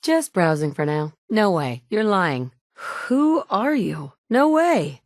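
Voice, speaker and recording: A woman in her thirties voices a player character in a video game, playing a blunt, sardonic mother who speaks in clipped one-liners. Her mid-range voice has a sing-song lilt and a slow pace. It's recorded on a studio mic with studio quality and no echo.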